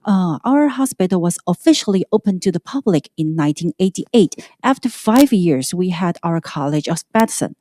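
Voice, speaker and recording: A woman delivers a formal presentation through a face mask. Her voice sits a little low and mellow, recorded dry and close. She is hesitant, often stumbling and correcting herself. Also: animated, moderate pace, few pauses, no room sound. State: sick. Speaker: hospital representative presenting. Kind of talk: prepared presentation, halting.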